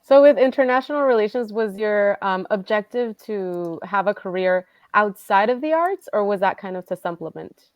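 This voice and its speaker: A woman's voice: medium pitch, expressive, moderate pace, smooth, no room sound. A woman in her late twenties co-hosting a podcast, asking questions casually and giving short, encouraging replies. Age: 20s. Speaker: podcast co-host.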